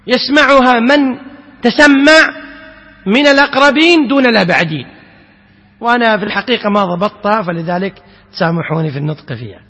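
A man teaching the rules of Quranic recitation to a class. He questions his students, repeats the key points slowly, and chants the quoted verses. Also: high voice, bright, forceful tone, slightly rough. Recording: long hall reverb.

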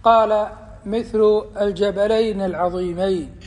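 A man giving a religious lesson, explaining hadith in a measured, deliberate way and slowing down for quotations. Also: high voice, fairly even intonation, darkish tone. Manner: measured, deliberate explanation with slow quoted passages. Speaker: Islamic teacher. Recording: long hall reverb.

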